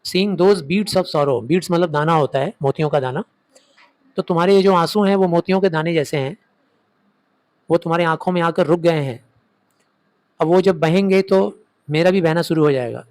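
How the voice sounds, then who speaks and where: A male teacher with an Indian accent walks a class through a play. His voice sits a little high for a man. He reads each English line slowly and then explains it at length in Hindi. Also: darkish tone.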